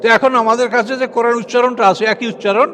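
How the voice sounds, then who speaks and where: A man giving a sermon that explains scripture, lecturing with frequent hesitant, drawn-out fillers. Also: very high voice, fairly even intonation, sharp tone, a little hiss or hum. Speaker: Islamic preacher.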